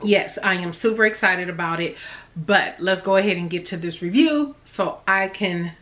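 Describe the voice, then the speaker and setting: Bright-voiced woman, mouth numb from the dentist. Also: lowish voice, moderate pace. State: mouth numb and swollen from the dentist, slightly off articulation. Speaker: sewing channel host. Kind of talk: casual chatty vlog to camera. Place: small indoor room at home.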